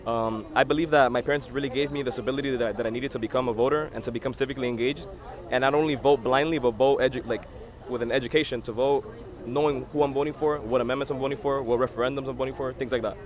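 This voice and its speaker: An eighteen-year-old man from Miami talks earnestly and quickly, dotting his answers with "like" fillers. His pitch is average for a man. He is interviewed outdoors at an election event. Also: steady tone. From Miami, Florida. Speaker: college student and first-time voter. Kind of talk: street interview.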